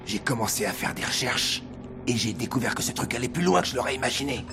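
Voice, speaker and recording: A man voicing a secretive music-shop clerk in a French film dub, talking in a hushed, conspiratorial way. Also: mid-range voice, animated, quick pace, close to an everyday voice. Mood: storytelling.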